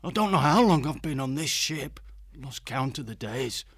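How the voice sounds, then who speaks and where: A big young badger, put on by a male narrator, speaks hoarsely and slowly, with dry wit. His voice sits a touch above the narrator's, plain and close. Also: mid-range voice, animated, no echo, voice pushed up. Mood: weary. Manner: slow, earnest, wryly ironic. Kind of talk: audiobook character voice.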